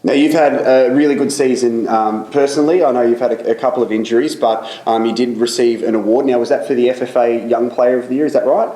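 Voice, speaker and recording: A man's voice: medium pitch, fairly even intonation, quick pace, few pauses, mellow. A man hosting a casual club interview, joking and teasing his guest. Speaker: host. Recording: roomy echo.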